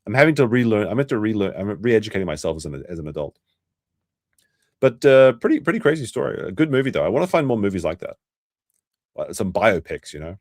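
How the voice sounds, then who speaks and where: A young man with a New Zealand accent hosts a livestream, reacting for his chat and talking to them in a crude, rambling way with frequent restarts. His voice is lowish and a little mellow. The recording is dry with clean studio sound.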